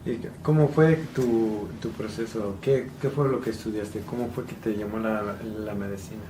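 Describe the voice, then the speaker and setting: A man hosting a casual interview podcast, relaxed and stumbling over some words. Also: fairly low pitch, normal speed. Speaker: podcast host. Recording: echoey room with noise.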